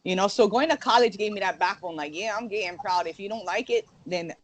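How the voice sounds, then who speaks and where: A young woman from Hawaii talks fast at a medium pitch as a guest in a casual interview. She laughs often and fills her speech with "like."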